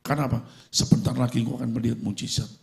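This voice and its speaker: A man preaching a sermon as pastor, with an East Javanese Indonesian accent, animated and often breaking into high-pitched acted prayers. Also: rapid-fire, gravelly.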